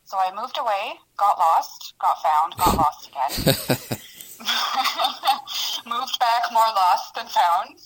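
A woman's voice: mid-range voice, expressive, takes it slowly, long pauses, background noise. A woman in her thirties, a native Hungarian speaker raised in Canada, giving a candid, reflective radio interview and laughing at herself. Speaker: radio guest, producer.

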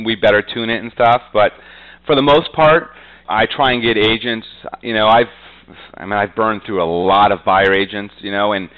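The audio is poor on this interview with a man working as a real estate agent. His pitch is fairly low and a bit bright, and he sounds confident and conversational, frequently tossing in "you know."

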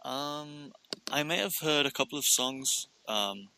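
A man's voice: fairly high pitch, a little slow, gravelly, bright, forceful tone, clear, resonant tone, dry recording. A man co-hosting a podcast in a casual, chatty style. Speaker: podcast co-host. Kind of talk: casual chat.

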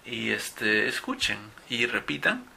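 A man teaching English pronunciation in Spanish, drilling each word twice, slowly and deliberately, and patiently explaining the sounds between drills. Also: mid-range voice, big pitch swings, vocal fry, pushed and bright, breathy edge. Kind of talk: pronunciation lesson, drilling words.

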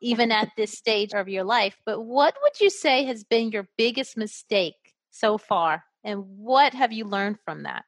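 A woman's voice: a little high, lively intonation, a little slow, few pauses, no echo. A woman hosting an interview podcast, asking questions in an upbeat, encouraging way. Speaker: podcast host. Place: in Guam.

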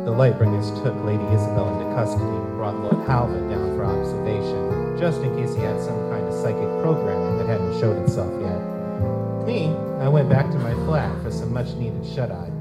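A mid-range male voice, lightly acted, plays a weary, wisecracking private eye in a hardboiled noir audio drama, performed live on stage at a convention. The character is a street-level, green goblin-like male detective, world-weary, wary and wisecracking, and the narration and dialogue come out tough, slangy and sardonic.

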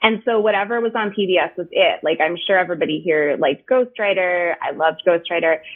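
A woman in her thirties, a podcast guest, talking in an animated, self-deprecating way. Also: on the low side, fairly quick. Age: 30s. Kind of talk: casual podcast chat. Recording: tinny phone-like line.

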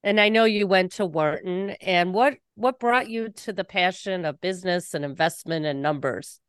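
Podcast host, middle-aged woman, measured; smooth resonant lower voice, dry close mic. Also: no echo. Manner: warm, measured host reading an introduction and asking questions. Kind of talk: interview host.

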